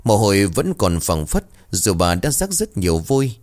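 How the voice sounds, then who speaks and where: Deep-voiced male ghost story narrator. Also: very animated, normal speed, a little mellow.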